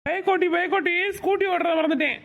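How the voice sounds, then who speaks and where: A woman voicing an easygoing village husband in a cartoon, talking brisk and teasing with a Madurai Tamil accent. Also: extremely high pitch, creaky, lo-fi sound, very noisy. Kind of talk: cartoon voice acting.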